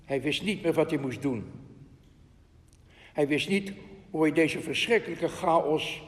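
A man's voice: fairly high pitch, lively intonation, unhurried, big-room sound. A man giving an earnest, reflective spiritual talk and reading quotations aloud, with frequent asides.

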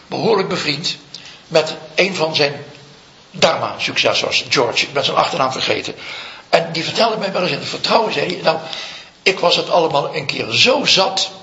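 A man, a Zen teacher, giving a slow, reflective dharma talk full of stories. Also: high voice, vocal fry, sharp tone, a little hiss or hum. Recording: echoey room, dull lo-fi sound.

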